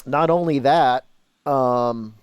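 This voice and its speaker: A man's voice: mid-range voice, slow, clear, resonant tone, no room sound. A man talking casually and informally as a live game streamer, answering questions in a laid-back way. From Mexico or of Mexican descent. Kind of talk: casual gaming stream commentary, answering chat.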